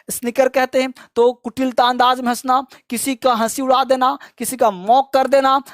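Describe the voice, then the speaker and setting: A man teaching an English lesson, drilling word lists at a brisk clip and calling his students kids. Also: very high voice, no echo, clean studio sound. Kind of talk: spoken grammar lesson.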